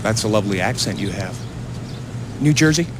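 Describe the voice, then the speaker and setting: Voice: mid-range voice, expressive, a little fast, noisy background, pitched below the performer's own voice, natural voice. A speaker putting on a jokey, mocking voice of a cheery Australian-style bloke, recorded from a distance from the mic.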